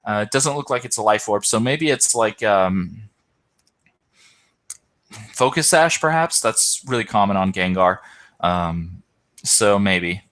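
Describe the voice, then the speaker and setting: A man's voice: on the low side, expressive, a little slow, pauses often, a bit bright. A tired man hosting and commentating an online game tournament, hesitant, with many ums and self-corrections. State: tired, yawning.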